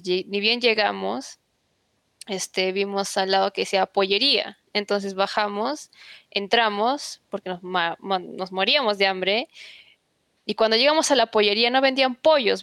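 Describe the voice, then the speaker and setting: A woman's voice: medium pitch, moderate pace, fairly bright tone, dry recording. Woman explaining at length. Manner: explanatory, tells anecdotes at length. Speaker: podcast guest. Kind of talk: casual chat.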